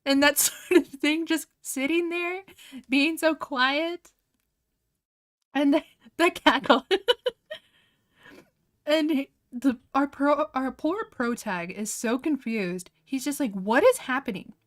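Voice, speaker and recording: Young woman, high-pitched voice, giggly, casual livestream chat, animated disbelief, lots of "like". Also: takes it slowly, pauses often. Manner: giggly, laughs often, heavy use of "like". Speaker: art streamer.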